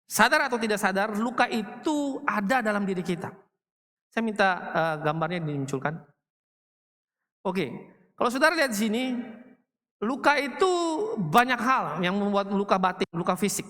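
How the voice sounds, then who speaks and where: A man's voice: high-pitched, expressive, moderate pace, pauses often, bright, forceful tone. Guy pastor preaching casual, tells stories, big church hall echo. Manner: conversational preaching with acted quotes and personal stories. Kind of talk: sermon. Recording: long church hall reverb.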